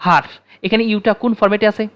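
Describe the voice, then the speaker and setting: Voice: mid-range voice, fairly even intonation, fairly quick. A teacher giving a recorded grammar lesson, repeating each question and then answering it himself.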